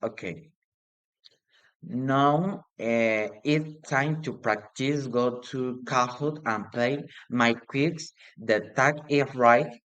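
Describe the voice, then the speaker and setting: A student reads a grammar lesson aloud for a class, a man speaking very slowly and deliberately at a middle pitch. His delivery halts and hesitates, full of restarts and pauses, and his tone is fairly bright, clear and resonant despite poor audio.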